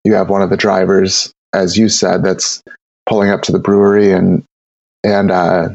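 Gravelly, rambling brewer talking shop. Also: male voice, low-pitched, level tone, moderate pace, darkish tone, dull audio. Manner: rambling, with many repeated words and fillers. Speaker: guest brewer. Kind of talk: casual technical interview.

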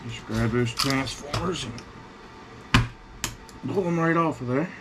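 A plain-spoken man hosts a scrapping tutorial, giving a casual hands-on how-to at a cluttered indoor workbench. He talks in short phrases at an unhurried pace in a medium pitch. Noisy workshop ambience is clearly audible.

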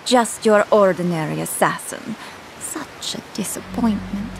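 A woman's voice: mid-range voice, unhurried, creaky, background noise. An actress playing a solemn young female swordswoman who coldly questions her opponent. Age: young adult. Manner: calm, questioning, grave. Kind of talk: video game voice acting. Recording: game audio with music behind.

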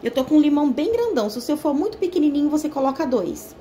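A young Brazilian woman, a home cooking vlogger, walks viewers through a recipe in her kitchen in a casual tutorial, speaking Brazilian Portuguese-accented and chatty. Her voice sits high with big pitch swings, a quick pace, and a warm tone, as she explains each step and keeps checking in with "tá?". Soft music plays behind her.

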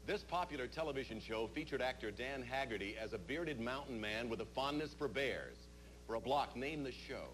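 A man's voice: medium pitch, lively intonation, fairly quick, a bit bright. A middle-aged man hosting a television quiz show, reading out questions to contestants in a studio. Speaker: game show host. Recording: noisy vintage TV tape.

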